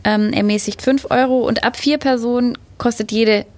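A woman's voice: fairly high pitch, fairly even intonation, moderate pace, a little mellow, no echo. A woman organizing a city game, explaining the details step by step in a casual radio chat. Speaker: event organizer.

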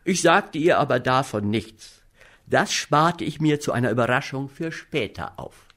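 Male audiobook reader, measured and expressive, slow delivery. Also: medium pitch. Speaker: audiobook narrator. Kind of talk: first-person literary narration.

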